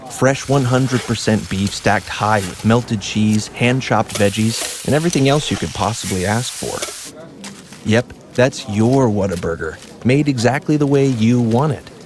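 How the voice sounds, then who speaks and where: A man announcing a fast-food commercial in a punchy, salesy read. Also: mid-range voice, noisy background.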